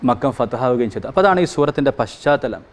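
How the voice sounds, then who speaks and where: Man, Qur'an commentary lesson, middle pitch, earnest and explanatory, slow chanted Arabic verses, self-correcting. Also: expressive. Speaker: Islamic teacher explaining the Qur'an.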